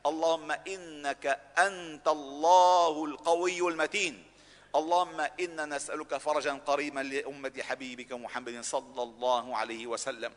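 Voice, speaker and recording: A man's voice: on the high side, steady tone, moderate pace. A man from Lebanon, a preacher leading the closing supplications of a Friday sermon in a mosque, chanting the prayers with rising intensity. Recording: reverberant mosque hall.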